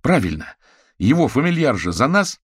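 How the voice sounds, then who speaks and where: A man voicing an excitable, impulsive young male spirit creature who shouts indignant outbursts in an audiobook. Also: on the high side, quick pace, breathy edge, no echo, studio quality, pitched above the performer's own voice. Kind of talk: audiobook character voice.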